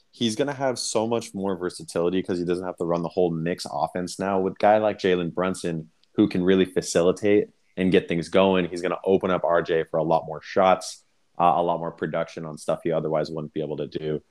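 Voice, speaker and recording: A man hosting a casual fantasy basketball podcast, excitable, repeating his words and swearing freely. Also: low-pitched, brisk. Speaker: podcast host.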